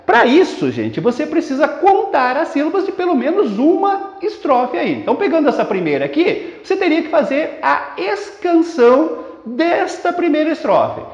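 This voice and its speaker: Brazilian teacher in an echoey room. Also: male voice, very high voice, sing-song. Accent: Brazilian Portuguese. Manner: explanatory, addresses student directly, slows to read verse. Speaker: literature teacher. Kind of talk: exam-prep poetry lesson. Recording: roomy echo, dull lo-fi sound.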